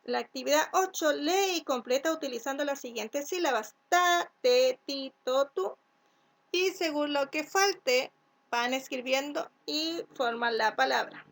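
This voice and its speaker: A woman from Chile teaching a first-grade class, speaking slowly and clearly, sounding out letters and syllables and often checking with "¿cierto?". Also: high voice, a bit bright. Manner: asks "¿cierto?" to check along. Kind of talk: recorded remote class instructions.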